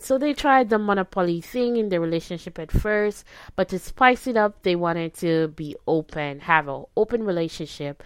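A woman's voice: on the low side, no room sound. A woman hosting a podcast, giving casual advice in a conversational way and often checking in with short tag questions. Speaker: podcast host. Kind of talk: casual advice talk to listeners.

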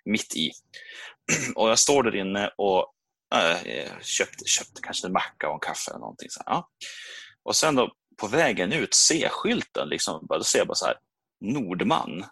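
A man, chatting casually and telling an animated anecdote with acted-out reactions. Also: on the low side, vocal fry, husky, no room sound. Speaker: podcast co-host. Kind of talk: casual chat, storytelling.

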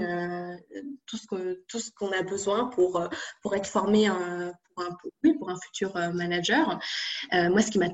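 A woman's voice: mid-range voice, a little mellow. Hesitant young French woman interviewed. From France. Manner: hesitant, many fillers and restarts. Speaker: interview guest. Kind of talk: casual interview.

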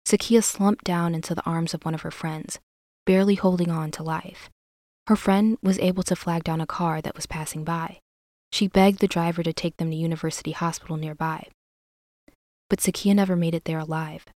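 A woman's voice: lowish voice, steady tone, normal speed, darkish tone, no room sound, clean studio sound. A woman hosting a true crime podcast, reading scripted narration.

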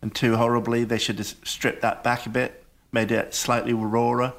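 A man on a radio panel, giving measured, slightly grumpy opinions on a song. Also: mid-range voice, level tone, gravelly, fairly bright tone. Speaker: music panelist. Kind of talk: casual music review chat.

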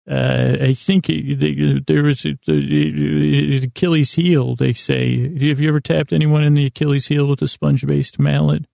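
In a close, dry recording, a host improvises a sleep podcast monologue in a very creaky, gravelly, dark and mellow voice that sits on the high side with a steady tone. He wanders and halts, doubling back, often trailing off and starting again, as he muses in a whimsical way on small absurdities.

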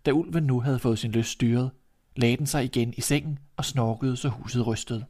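A man narrating a classic fairy tale in a calm, even manner, his voice sitting at an ordinary middle pitch. He hosts this storytelling podcast.

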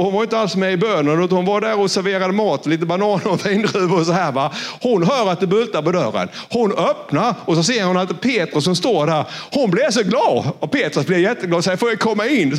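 A man preaching a sermon, retelling a Bible story with lively acted-out voices and asking his listeners direct questions. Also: high voice. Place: church or studio with screens.

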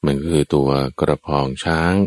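A man, a Buddhist monk, giving a sermon built around a Jataka tale. He tells it slowly and deliberately and speaks straight to his listeners. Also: rumbling low, little pitch movement, a little mellow, no echo. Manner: slow, deliberate storytelling that addresses listeners directly. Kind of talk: sermon telling Jataka tales.

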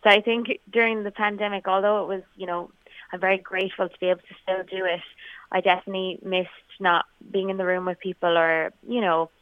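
A woman's voice: mid-range voice, flat delivery, fast, smooth, no room sound. Young west of Ireland woman, phone-like sound. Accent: west of Ireland, Kerry. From County Kerry, Ireland. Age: young adult. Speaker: singer-songwriter guest. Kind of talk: casual interview chat. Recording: thin phone-like radio call sound.

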